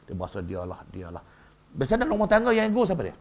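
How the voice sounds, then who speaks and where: A man giving a humorous religious workshop talk in a mosque, lively and peppering the audience with rhetorical questions. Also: high-pitched, very fast. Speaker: religious lecturer. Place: mosque hall.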